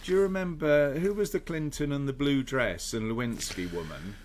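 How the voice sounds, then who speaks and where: A man's voice: mid-range voice, normal speed, a little mellow, a little hiss or hum. A man co-hosting a podcast in casual chat, rambling and hesitant as he hunts for words. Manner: rambling, hesitant, full of ums and restarts. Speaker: podcast co-host.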